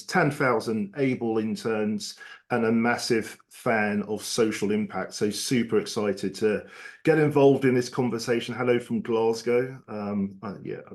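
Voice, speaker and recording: A man speaks as an executive panelist on an online call. He is chatty and effusive, stressing his words. His pitch is middling. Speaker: panelist, company chief executive. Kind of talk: chatty self-introduction on a panel.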